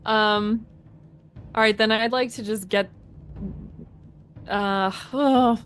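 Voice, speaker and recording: Female tabletop player, casual and unhurried, hesitant thinking-aloud delivery over background music. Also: a little high, fairly even intonation. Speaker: player in a tabletop role-playing game. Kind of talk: casual game chat.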